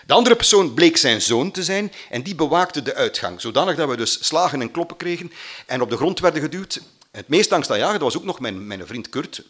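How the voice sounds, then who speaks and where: A man's voice: a little high, a little fast, slightly rough. A man from Belgium with a Flemish accent, telling a personal story and acting out the voices of the people in it. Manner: animated, acts out quoted voices.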